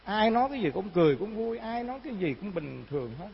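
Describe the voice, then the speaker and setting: A man's voice: high voice, big pitch swings, quick pace, vocal fry. A man, a Buddhist monk giving a sermon, telling a folk story and asking the hall rhetorical questions. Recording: muffled hall recording with long reverb.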